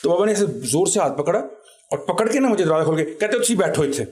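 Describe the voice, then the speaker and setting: A man's voice: high-pitched, expressive, a little mellow. A man, telling a personal story as an interview guest in a vivid, conversational way. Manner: vivid anecdotal retelling, acts out quoted voices.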